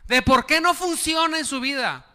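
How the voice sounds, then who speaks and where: A man's voice: very high voice, normal speed, pushed and bright, long reverb tail. A man preaching a sermon as pastor, calling on the congregation to repeat words and applaud. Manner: preaching with call-and-response to the congregation.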